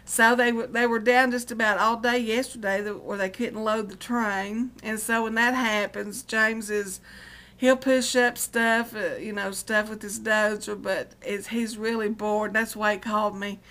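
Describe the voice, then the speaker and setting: A middle-aged vlogger from Appalachian West Virginia in the United States rambles casually to her viewers in a folksy, colloquial, meandering way. She has an Appalachian accent and a medium-pitched, fairly bright voice with fairly even intonation and a measured pace.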